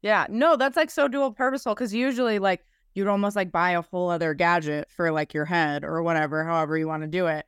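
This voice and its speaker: A woman's voice: fairly low pitch, steady tone, quick pace, few pauses, clean tone, no room sound, clean studio sound. A woman hosting a podcast in a casual, chatty way, with informal phrasing peppered with "like". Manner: informal, frequent "like" as filler. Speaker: podcast host.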